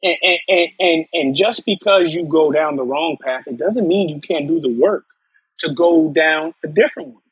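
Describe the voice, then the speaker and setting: Husky-voiced man telling his story. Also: on the high side, normal speed, dry recording, phone-quality sound. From upstate New York. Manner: earnest, with frequent restarts and repeated words. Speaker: podcast guest. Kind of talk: personal storytelling.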